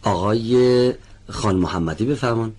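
A man's voice: lowish voice, darkish tone, husky. A man teaching pronunciation in a studio lesson, patiently explaining sounds and calling on students one by one.

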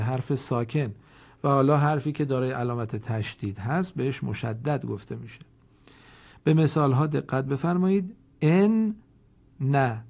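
A man with a gravelly, dark voice delivers a formal recorded lesson. He teaches Quran reading slowly and deliberately, stretching example words and pausing so listeners can answer. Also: medium pitch. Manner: slow, deliberate, pausing to let learners answer.

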